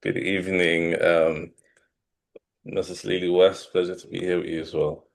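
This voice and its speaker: A man's voice: deep voice, level tone, normal speed, gravelly. A man joining a panel as a guest over a video call, greeting everyone in a polite, formal way.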